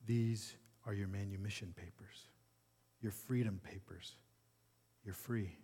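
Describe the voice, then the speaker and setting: A man voicing a gentle young man who speaks quietly and softly. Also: on the low side, steady tone, measured pace, husky, big-room sound. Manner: quiet and soft-spoken.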